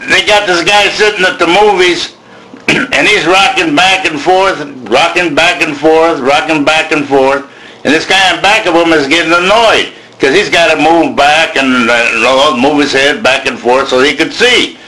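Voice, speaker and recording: A man's voice: a little high, unhurried, pushed and bright, slight background noise, low-quality recording. A man telling dirty jokes in a bawdy, folksy storytelling way, repeating himself and acting out the dialogue. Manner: smutty, bawdy joking. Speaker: joke teller.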